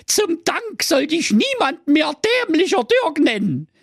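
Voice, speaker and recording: A grand old granny with a warbly voice, as a man puts her on in a comedy storybook. She sounds squeaky high and swoops up and down. The sound is dry and close. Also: very animated, unhurried, creaky, dry recording, heavily acted. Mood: grateful festive. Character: grateful older woman, grand granny.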